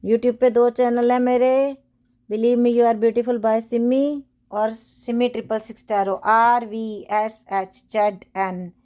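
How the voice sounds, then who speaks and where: A woman lays out tarot cards and talks her viewers through a reading from home. Her voice sits a little high, and she speaks slowly and deliberately. She is earnest to the point of preaching, repeats her phrases, and slips English affirmations into her talk. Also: darkish tone. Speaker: tarot reader. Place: home bedroom, cards spread on a bed.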